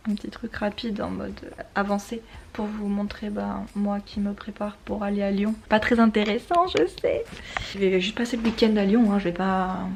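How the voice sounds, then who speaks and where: A woman's voice: mid-range voice, darkish tone, slight background noise. Woman, 20s, casual vlog chat, rambling asides, handheld camera, bedroom. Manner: chatty, rambling, quick asides. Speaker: vlogger. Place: indoors at home, bedroom. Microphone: handheld compact camera.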